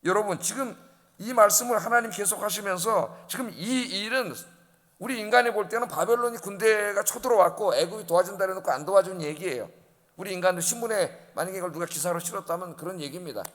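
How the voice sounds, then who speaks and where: A man's voice: high voice, fast, fairly bright tone, long reverb tail. A male pastor preaching an early-morning sermon, emphatic and often asking the congregation questions. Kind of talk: dawn service sermon. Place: church sanctuary.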